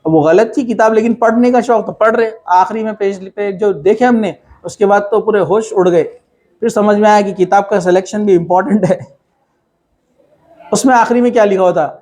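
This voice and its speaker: High-voiced man giving a religious talk. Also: a little mellow. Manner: conversational, mixes English words, rhetorical questions. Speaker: Islamic speaker.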